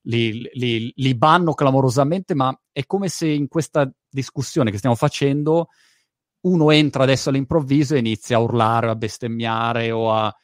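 A man's voice: mid-range voice, dry recording, studio quality. A man talking frankly in a casual conversation as a video creator, with informal swearing and a plain everyday delivery. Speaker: YouTuber guest.

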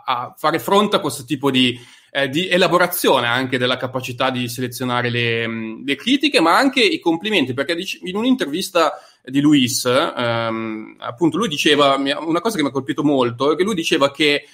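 Thoughtful, measured man. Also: medium pitch, lively intonation, fairly bright tone. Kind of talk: reflective conversation.

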